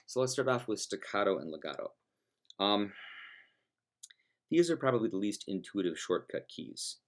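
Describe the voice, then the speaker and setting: A man teaching music students how to use a notation program, explaining each step in a relaxed, folksy way. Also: sits low. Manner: relaxed, folksy, talks through clicks step by step. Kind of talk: screen-recorded software tutorial.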